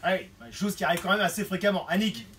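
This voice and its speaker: A man doing a lively stand-up set on a small bar stage, slipping in and out of character voices, with the audience laughing. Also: high voice, fast. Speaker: stand-up comedian. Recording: distant mic in a noisy bar crowd.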